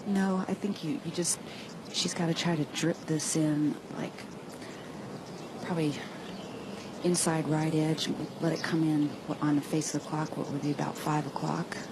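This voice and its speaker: Low-voiced female golf analyst, noisy ambience. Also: level tone, moderate pace. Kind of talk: analytical live commentary. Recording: clear outdoor ambient noise.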